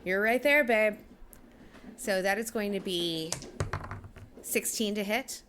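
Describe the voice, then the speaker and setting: A woman's voice: medium pitch, takes it slowly. A woman game master narrating and improvising a tabletop role-playing game. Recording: faint background noise.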